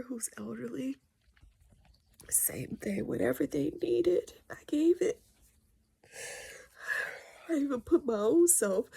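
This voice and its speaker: A middle-aged woman pours out her grief in a hushed, halting near-whisper, sniffling through tears. Her voice sits high, with a gravelly fry at the edges. She talks slowly and pauses often. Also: no echo. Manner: soft, mostly whispered, halting delivery. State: tearful and sniffling. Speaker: vlogger venting. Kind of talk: tearful personal vent monologue.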